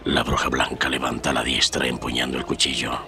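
A man's voice: extremely low pitch, little pitch movement, a little fast, pushed and bright, faint music behind, full character voice. A man narrating an adventure radio serial as a grave, suspenseful storyteller. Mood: tense.

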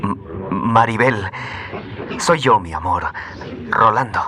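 Stammering, anxious tender lover. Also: male voice, lowish voice, a crowd in the background. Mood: tender, worried. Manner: stammering, halting. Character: anxious, tender male lover, flustered and pleading. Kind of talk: melodramatic radio drama acting.

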